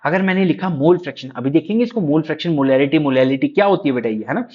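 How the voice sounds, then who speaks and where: A man teaching chemistry, his voice sitting a bit high for a man. He keeps quizzing the class and answering his own questions, and calls his students "beta" as he goes. The sound is dull and lo-fi. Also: expressive, fast. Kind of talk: classroom lecture.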